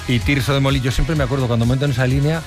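A man's voice: mid-range voice, fairly even intonation, rapid-fire. A man hosting a morning radio show, chatting in a rambling, easygoing way in the studio. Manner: chatty, rambling, laughs easily. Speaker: radio host. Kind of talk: casual radio chat. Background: music.

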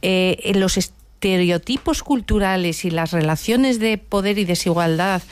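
Female panelist, smooth clear voice, dry studio sound, measured. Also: mid-range voice, no room sound.

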